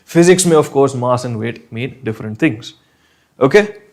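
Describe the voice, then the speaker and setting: Indian male online chemistry teacher, medium pitch. Reassuring, conversational with students, drops Hindi phrases into English. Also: animated, moderate pace, a little mellow. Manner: encouraging, reassuring, often checking in with "okay". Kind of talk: live online lesson, talking to students in chat.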